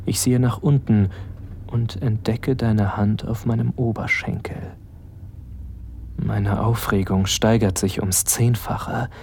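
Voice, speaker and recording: An actor with a lowish voice plays a hesitant, aroused young man who loves his best friend. He narrates this intimate audio drama in a hushed, breathy way that often drops to whispers, with no echo.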